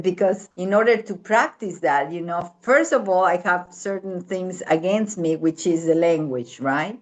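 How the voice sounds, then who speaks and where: A woman telling a travel story in a casual family chat, talking in an animated, halting way with many fillers and restarts. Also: on the low side, rough recording. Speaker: guest aunt.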